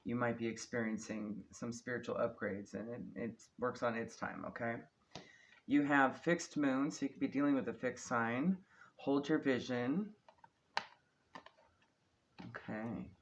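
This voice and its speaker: A man's voice: mid-range voice, dull audio. A man giving a casual, improvised spiritual card reading, speaking unhurriedly with retainers in his mouth that slightly slur his words, often checking in with "okay?". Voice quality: slightly slurred speech from wearing retainers. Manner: unhurried, often ends statements with a questioning "okay?". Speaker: tarot card reader, host. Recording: clearly noisy background with clicks.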